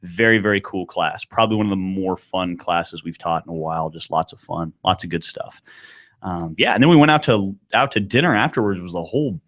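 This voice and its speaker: A man's voice: sits low, brisk, a bit bright, dry recording. A man hosting a casual show from a studio, teasing his co-hosts and laughing often. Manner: joking, teasing banter with frequent laughs. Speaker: podcast host. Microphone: studio mic with headphones.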